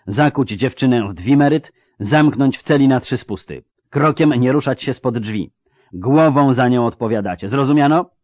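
A man's voice: mid-range voice, moderate pace, a little mellow, no room sound, voice pushed up, close to an everyday voice. A man voicing a cold, menacing male sorcerer who threatens and gives orders. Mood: commanding. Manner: commanding, threatening.

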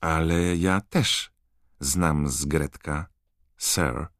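A man voicing a timid, servile female house-elf in an audiobook, with a high, trembling squeak and constant deference. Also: fairly even intonation, extremely slow, fairly bright tone, dry recording, clean studio sound, full character voice. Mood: timid, awed. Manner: servile, calls everyone sir. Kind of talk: audiobook character voice.

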